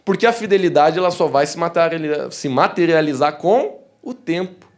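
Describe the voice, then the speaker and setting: A young Brazilian man with a southern Brazilian accent, preaching a sermon in a church in a warm, conversational way, often calling the congregation "dear ones" and acting out the voices in his stories. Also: a little high, brisk. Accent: southern Brazilian Portuguese. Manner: animated storytelling that acts out quoted voices. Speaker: pastor. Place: church hall.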